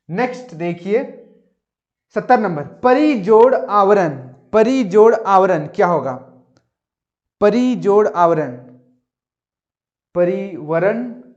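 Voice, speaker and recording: A man's voice: high voice, a little mellow, reverberant. Lo-fi male exam tutor. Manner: urges viewers to comment, mixes English phrases, talks through answers. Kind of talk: online exam-prep lesson. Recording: dull lo-fi audio.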